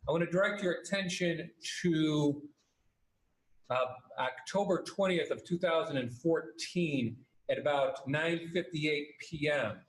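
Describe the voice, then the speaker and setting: A man questions a witness in a courtroom recording, steady and methodical. His voice sits slightly high and carries the echo of a large courtroom. He keeps his questions measured and orderly. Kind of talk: courtroom examination.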